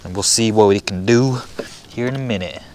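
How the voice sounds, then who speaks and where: A young man hosting a casual fishing vlog outdoors on a lake, talking in a hyped, slangy, excitable way into an action camera. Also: lowish voice, fairly quick, a little hiss or hum. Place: outdoors on a lake, in a kayak and boat.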